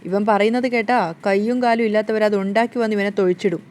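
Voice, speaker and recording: Woman reading a bold young wife, defiant and scolding, fast lines. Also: medium pitch, steady tone, darkish tone, natural voice.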